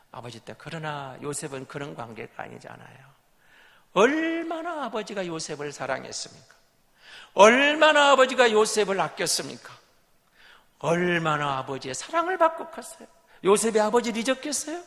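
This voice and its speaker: A male pastor preaching a sermon, dramatic and swinging between whispers and loud exclamations. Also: sits high, long reverb tail. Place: church sanctuary.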